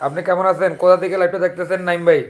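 A man's voice: high voice, flat delivery, very fast. A man from Chandpur, Bangladesh, with a Chandpur Bengali accent, hosting a casual livestream and chatting with viewers. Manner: chatty, greets viewers and asks for comments. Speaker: livestream host. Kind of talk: casual live chat with viewers.

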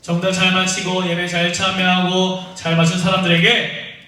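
A man's voice: sits high, completely flat delivery, normal speed, sharp tone. A young man teaching an online Sunday school lesson for children, playful and teasing, calling the kids by name. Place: church room. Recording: echoey, distant from the mic.

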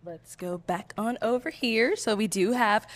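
Young woman hosting with a handheld mic. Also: a little high. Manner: brisk, laughs often. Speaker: dating show host. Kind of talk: casual hosting banter. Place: bright indoor studio set.

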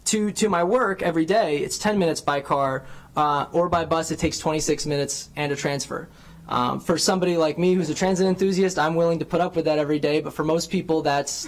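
A young man with a slightly high voice reads public testimony into a desk microphone in a big council chamber. He is earnest and sincere, and he fills pauses with frequent ums and uhs. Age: young adult. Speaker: public hearing speaker, bus rider. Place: large county council chamber, seated at a desk. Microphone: desk microphone on a stand.

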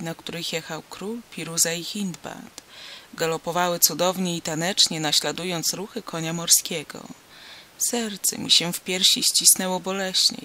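Guy reading a storybook out loud, high bright voice, really dramatic and expressive. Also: creaky, slight background noise. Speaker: audiobook narrator. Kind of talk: storybook narration in first person.

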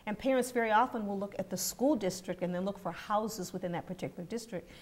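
A middle-aged woman academic calmly lecturing on education history in a TV panel, on a lapel mic in a studio. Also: mid-range voice, fast. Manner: calm, lecturing. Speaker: university professor. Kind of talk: panel discussion. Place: TV studio set.

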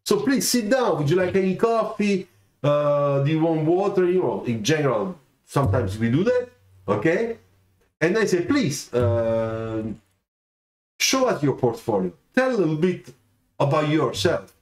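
This middle-aged man's voice sits on the high side, and he takes his time. Speaking to livestream viewers from a home studio about careers, he gestures animatedly and repeatedly asks "okay?" against an echoey room sound.

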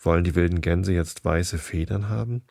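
A man's voice: sits low, moderate pace, creaky, a little mellow, no room sound, studio quality. A man voicing a flock of scornful swans in a read-aloud storybook, mocking and jeering.

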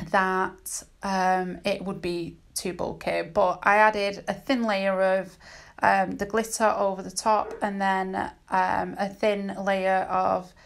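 Creaky-voiced British woman, chatty and rambling. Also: mid-range voice. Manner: rambling, self-interrupting, candid. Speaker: nail technician and tutorial host. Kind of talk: casual chatty voice-over tutorial. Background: dogs barking at times.

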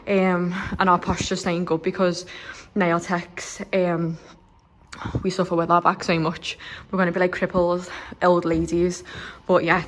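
A young woman from Liverpool, a nail salon owner, chatting excitedly with lots of fillers as she films a walkthrough of her salon under renovation on her phone. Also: fairly low pitch, slight background noise. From Liverpool, England. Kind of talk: walkthrough vlog.

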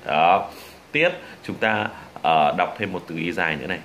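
A young man with a Vietnamese accent teaches English pronunciation, drawing sounds out and repeating each drill word. His voice sits very low but rings bright and forward. Faint ambient noise hums behind him. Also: highs cut off. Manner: demonstrates sounds slowly and repeats drill words.

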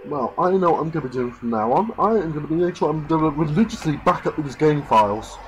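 A man's voice: fairly high pitch, expressive, fast, soft background music, poor audio. A man giving irritated, ranting let's play commentary over a life-sim game. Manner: frustrated, ranting, swears mildly. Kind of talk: gameplay commentary.

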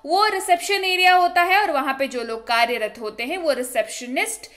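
A young woman from India teaching spoken English in an online lesson, asking and answering her own questions and repeating examples slowly. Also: high-pitched, fairly bright tone. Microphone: voice-over over slides.

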